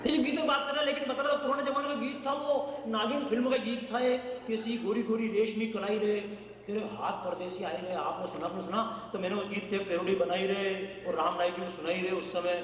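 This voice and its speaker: Fast-talking joking man in echoey hall. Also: sits high, steady tone, a bit bright, slight background noise. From central India. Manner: chatty, joking, talks fast. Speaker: comic poet performing on stage. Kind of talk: humorous poetry recital to a live audience. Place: large hall at a festival event. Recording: echoey hall, distant mic.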